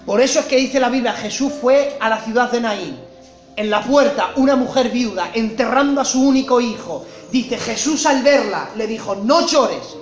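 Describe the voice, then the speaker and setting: A man preaching a sermon with passion, swinging from loud cries to hushed tones. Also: very high-pitched, moderate pace, roomy sound, highs cut off, faint music behind.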